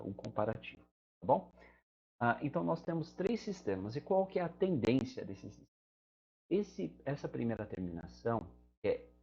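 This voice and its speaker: A man's voice: mid-range voice, gravelly, lo-fi sound. A man with a Brazilian Portuguese accent explaining grammar to students in a chatty, conversational way, often checking in with the listener. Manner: conversational, fillers like "né" and "tá". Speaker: English teacher.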